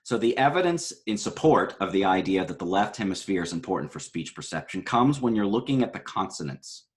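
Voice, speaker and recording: A man with a very low voice gives a recorded psychology lecture. He walks through study results casually, with plenty of "um"s and self-corrections. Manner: conversational, many fillers and self-corrections.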